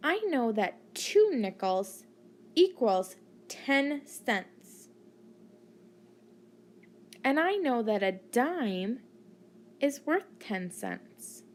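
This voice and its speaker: A woman teacher narrating a maths lesson for children, deliberately teaching a child to count and putting questions to the listener. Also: a little high, very animated, a little hiss or hum. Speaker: primary school maths teacher.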